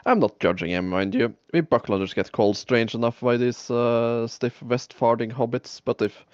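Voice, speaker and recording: A man's voice: medium pitch, normal speed, no echo, lo-fi sound, natural voice. A man voicing a curious older male hobbit who talks in a folksy, determined way.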